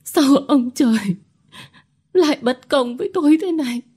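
A woman's voice: sits high, moderate pace, dark tone, close to an everyday voice. A woman voicing a grief-stricken young mother who cries out over her baby, heard from a little distance. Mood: wailing grief. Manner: wailing, anguished cries.

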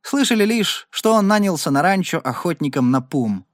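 Expressive male narrator, animated reading, dry booth. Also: high voice, moderate pace, no room sound. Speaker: audiobook narrator. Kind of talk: scripted narration of a Western.

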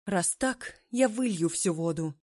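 A woman voicing a fiery young princess raised on the steppe, who bursts out loudly and tearfully. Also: fairly low pitch, expressive, a little slow, dry recording, studio quality. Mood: distraught. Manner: loud, heated, sobbing outbursts.

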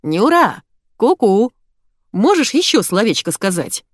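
A woman reading an audiobook, voicing an excitable, shrill wife who nags and fusses emotionally. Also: unhurried, no echo, studio quality. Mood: cooing. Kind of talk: audiobook character voice.

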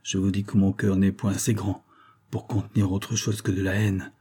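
A man's voice: sits low, flat delivery, moderate pace, dark tone, husky. A man voicing a frantic, grieving young woman who bitterly accuses and pleads. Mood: anguished.

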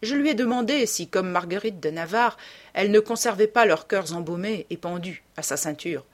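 A woman voicing a bored young gentleman in an audiobook, giving light, wry replies. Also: mid-range voice, expressive, moderate pace, lightly acted. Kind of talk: audiobook character reading.

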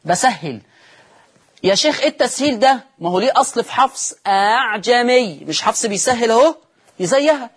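A man's voice: extremely high pitch, lively intonation, a little fast, fairly bright tone, husky. Egyptian man teaching Quran recitation. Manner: explains rules, demonstrates recitations and answers his own questions. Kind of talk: televised recitation lesson. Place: TV studio.

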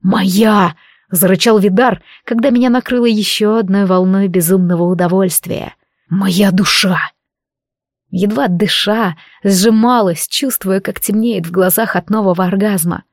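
A woman reading an erotic fantasy novel aloud as scripted narration, slow, even and intimate. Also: medium pitch, dry recording, studio quality. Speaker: audiobook reader.

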